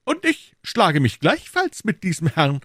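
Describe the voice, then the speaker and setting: A man's voice: on the high side, wildly swooping pitch, measured pace, fairly bright tone, slightly rough, dry recording, studio quality, pitched above the performer's own voice, full character voice. A man doing a pious scholarly musketeer. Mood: earnest.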